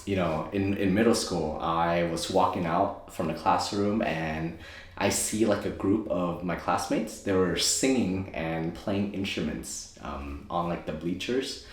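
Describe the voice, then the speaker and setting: Low-voiced young man in echoey room. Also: a little slow. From Thailand. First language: Thai. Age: 20s. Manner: rambling, filler-heavy, self-correcting. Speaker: guest, optometrist and DJ. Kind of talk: casual interview storytelling.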